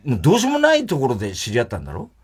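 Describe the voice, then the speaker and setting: A man's voice: medium pitch, huge pitch swings, rapid-fire, breathy edge. A man hosting a radio show, teasing his guests with needling questions in comedy banter. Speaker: radio host.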